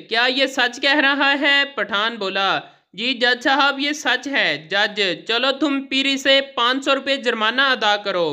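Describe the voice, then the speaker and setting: A woman reading a string of short jokes aloud, with a brisk, even storytelling delivery that leads into each punchline. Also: sits high. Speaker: joke reader.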